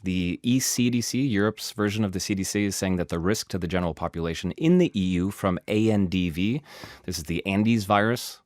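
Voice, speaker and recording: A man with a low, deep voice talks through a science story on a podcast. He is animated and explains at length, with asides and emphasis. The studio sound is dry and close to the mic. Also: brisk, no echo. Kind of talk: casual explanatory podcast talk.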